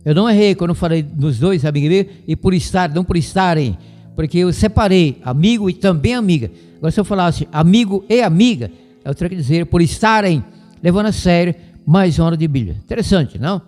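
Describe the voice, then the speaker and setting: A man's voice: high-pitched, expressive, fast, a little mellow. A man with a Brazilian Portuguese accent teaching a radio Bible lesson in a didactic, digressive way, often repeating himself. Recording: radio broadcast with hall reverb and faint music.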